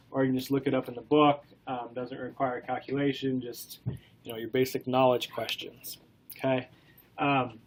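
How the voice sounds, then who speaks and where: A college instructor with a head cold teaches a class in a stuffy, nasal voice pitched a bit higher than most men's. He keeps a relaxed, loose pace, fills gaps with "um," and repeatedly poses questions to his students.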